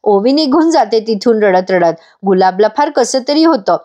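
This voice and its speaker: A woman's voice: on the high side, animated, normal speed, warm tone. A woman with a Marathi accent narrating a TV serial recap in a chatty voice-over, her voice strained and tired. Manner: chatty, addresses viewers directly.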